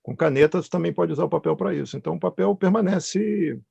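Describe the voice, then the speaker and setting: Male panel guest, gravelly and halting, explanatory, dull dry recording. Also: a little high, a little mellow, dry recording. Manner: halting, searching for words. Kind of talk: thoughtful explanatory answers. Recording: dull, close, dry sound.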